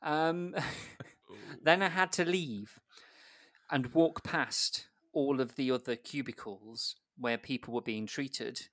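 An adult guest storyteller speaks slowly, recalling an embarrassing episode in casual chat and poking fun at himself with frequent laughs. His medium-pitched voice has a fairly bright tone. The recording is dry and clean, studio-grade.

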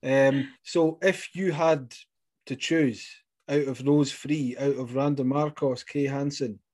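Scottish male interviewer, mellow warm tone, chatty, encouraging, asks long questions. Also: mid-range voice, fairly even intonation, takes it slowly. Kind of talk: sports interview.

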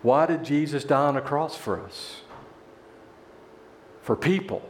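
A man preaching a sermon in a church, telling a parable with animated voices for its characters. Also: a little high, a little slow, echoey room, slight background noise. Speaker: pastor.

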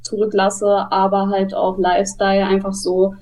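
A woman's voice: medium pitch, completely flat delivery, normal speed, darkish tone, recorded from a distance, low-quality recording. A young woman guest on a casual podcast, talking freely with halt and ne as fillers. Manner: flowing, uses filler words, halt, ne. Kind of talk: casual interview answers.

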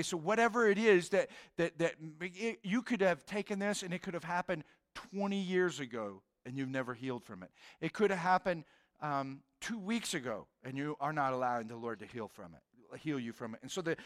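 A man preaching a sermon in a casual, animated way, with slang and acted-out quotes. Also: high-pitched. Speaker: pastor.

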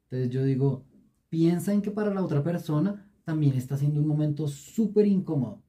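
Dude on a podcast, super dark warm tone, cursing and arguing casual. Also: male voice, a little high, expressive, brisk. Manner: crude joking, argumentative, repeats himself. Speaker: podcast co-host.

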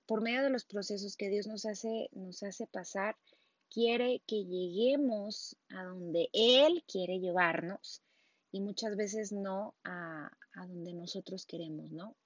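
A woman's voice: medium pitch, slow, no echo, lo-fi sound. A woman gives a casual sermon, talking conversationally and often checking in with the listener. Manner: conversational, frequent tag questions and restarts. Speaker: preacher.

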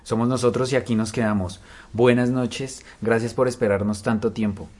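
A man's voice: medium pitch, fairly even intonation, moderate pace, a little mellow, faint music behind. A man, co-hosting a podcast and teasing the others playfully. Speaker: podcast co-host. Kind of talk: casual podcast banter.

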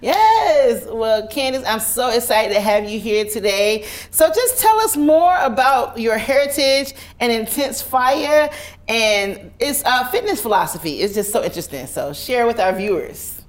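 A woman's voice: on the high side, expressive, measured pace. Enthusiastic woman hosting an interview. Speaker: host. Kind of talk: casual interview.

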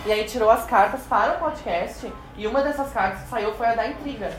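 A woman's voice: a little high, fairly quick, crowd noise. A woman co-hosting a live podcast, explaining game rules in a playful, teasing way. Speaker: podcast co-host. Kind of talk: casual live podcast chat. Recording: roomy live recording with audience.

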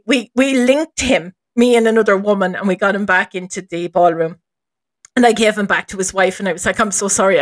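A woman's voice: medium pitch, no echo. Laughing woman telling a story. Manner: lively, laughs often while telling a story. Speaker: guest paranormal investigator. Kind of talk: animated storytelling in a podcast chat.

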